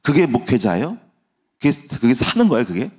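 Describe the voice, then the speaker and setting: A man's voice: medium pitch, very animated, fairly quick, darkish tone, breathy edge. A middle-aged male pastor giving a chatty, folksy sermon that builds into a fervent prayer. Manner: folksy, chatty preaching with laughs and asides.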